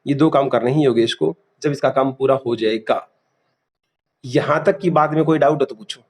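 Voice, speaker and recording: A man's voice: medium pitch, normal speed. A man teaching a class, quizzing students and repeating key terms. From India. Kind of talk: classroom lecture.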